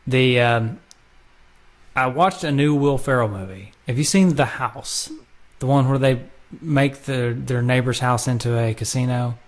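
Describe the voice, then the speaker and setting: A man's voice: mid-range voice, a little slow. Man bantering on a podcast. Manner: teasing, opinionated banter. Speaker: podcast co-host. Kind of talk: casual podcast chat.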